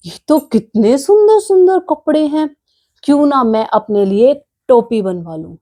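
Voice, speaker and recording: Lady putting on a naughty little storybook rat, squeaky-high and bossy, drags out threats real slow. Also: lively intonation, mellow. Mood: cheeky, bossy. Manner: bossy, boastful, threatening in a slow sing-song. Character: cheeky, hot-tempered little male rat.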